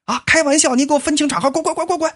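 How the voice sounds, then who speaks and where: A woman voicing a rough, bullying male bodyguard who barks rude threats. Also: high voice, rapid-fire, a bit bright, voice pushed up. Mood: hostile.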